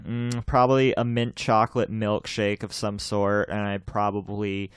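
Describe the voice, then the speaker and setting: A man's voice: lowish voice, flat delivery, a little slow, clean tone, dry recording, studio quality. A man in his twenties hosting a podcast in casual chat, rambling, repeating himself and laughing often. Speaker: podcast host.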